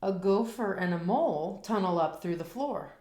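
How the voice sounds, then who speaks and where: A woman reading a children's picture book aloud in a slow, expressive, rhythmic way, after a casual spoken intro. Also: mid-range voice, reverberant.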